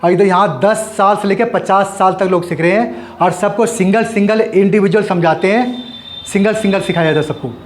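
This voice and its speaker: A man's voice: high voice, a little fast, roomy sound, slight background noise. A man teaching an English grammar lesson, explaining step by step, repeating points and asking and answering his own questions.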